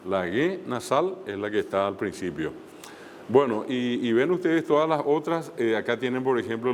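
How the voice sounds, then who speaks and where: A man's voice: on the low side, long reverb tail, a little hiss or hum. A man teaching a language class online, explaining step by step with frequent fillers and repeated examples.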